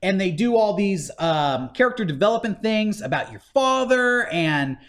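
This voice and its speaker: A man in casual podcast chat giving a game review, animated and swearing freely. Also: sits high, moderate pace. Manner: animated, swearing, acts out scenes in mock voices.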